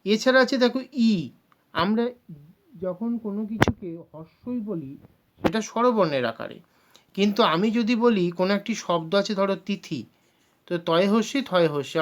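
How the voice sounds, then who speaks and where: A man's voice: high voice, fairly bright tone. A male teacher explains grammar step by step in a patient classroom manner. He stretches out vowel sounds as he demonstrates them. He slips English words into his explanations and speaks of himself as "sir". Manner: mixes English words into speech. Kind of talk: Bengali grammar lesson.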